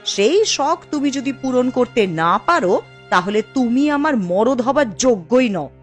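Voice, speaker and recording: Over soft background music, a woman with a higher, animated voice plays an emotional village wife in a fairy-tale cartoon, speaking at a measured pace. Her dramatic, emphatic delivery sounds scornful and angry, as the character swings between scolding and tenderness.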